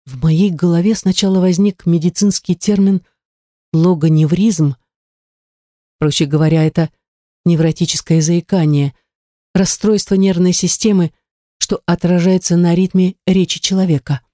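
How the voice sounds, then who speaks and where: A woman's voice: lowish voice, steady tone, normal speed, dark tone, no echo, studio quality. A woman narrating a first-person story in an emotive, dramatic reading. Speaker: audiobook narrator.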